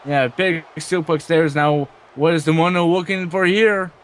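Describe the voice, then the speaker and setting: A man working as a wrestling commentator, giving excited play-by-play and drawing out his calls of big moves. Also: on the high side, normal speed, a little hiss or hum.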